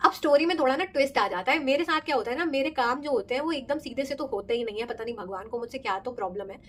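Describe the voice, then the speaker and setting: A young woman from India telling a story in a casual vlog, chatty and expressive, slipping English phrases in, her throat sore. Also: high-pitched, very fast. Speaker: vlogger.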